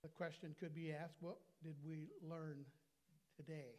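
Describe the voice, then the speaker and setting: An older American man preaching a sermon from the pulpit of a small church, slowing down to stress his words. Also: a little high, little pitch movement, a little mellow. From United States. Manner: earnest preaching, slows and stresses key words. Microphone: lapel mic at a pulpit.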